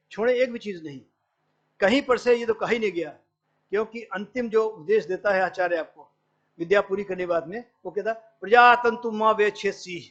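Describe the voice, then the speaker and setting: A man's voice: sits high, highs cut off. A man giving a workshop lecture, explaining points step by step, quoting Sanskrit verses and asking an assistant for the next slides. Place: lecture hall.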